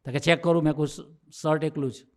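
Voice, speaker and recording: A man's voice: a little high, steady tone, fast, darkish tone. A man with a Gujarati accent, a swami, gives a youth sermon as a personal story, acting out the dialogue and rising into emphatic preaching. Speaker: swami giving a youth discourse.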